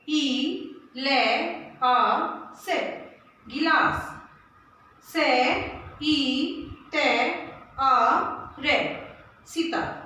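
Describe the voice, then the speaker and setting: A woman's voice: high voice, bright, forceful tone. A woman teacher giving a first-grade lesson, patient and repetitive, sounding out letters one by one. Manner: slow, patient, repeats points and spells out letters. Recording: echoey room, voice from far off.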